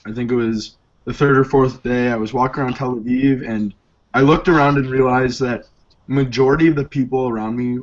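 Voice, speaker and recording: A seventeen-year-old boy from Chicago speaking earnestly on an online call, pausing with ums. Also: medium pitch. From Chicago, USA. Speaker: panelist. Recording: dull lo-fi call audio.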